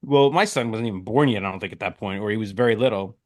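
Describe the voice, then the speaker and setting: Man, 30s, casual podcast co-host, animated storyteller, dry close sound. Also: lowish voice, quick pace, no echo. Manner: animated storytelling, acting out his own quotes. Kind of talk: casual chat.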